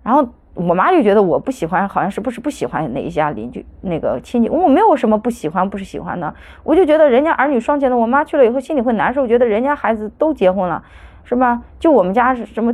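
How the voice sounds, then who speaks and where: Brief: woman, 30s, solo podcast host, quick rambling delivery, venting in a chatty way. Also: a little high. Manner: rambling, venting, animated retelling. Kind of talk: casual solo podcast chat.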